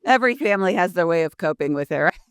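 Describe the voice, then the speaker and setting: A woman's voice: lowish voice, lively intonation, very fast, clean tone, no echo, studio quality. A middle-aged woman hosting a podcast interview, earnest and reflective as she frames her questions. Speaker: podcast host.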